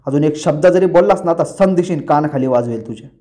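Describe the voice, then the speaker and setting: A man's voice: a little high, quick pace, warm tone, lightly acted. A man voicing a stern father from a TV serial, scolding his son harshly. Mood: angry.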